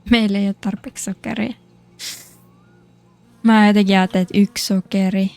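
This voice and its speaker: A woman's voice: medium pitch, little pitch movement, darkish tone. A woman streaming a game, chatting playfully and joking as she plays. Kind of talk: casual game commentary.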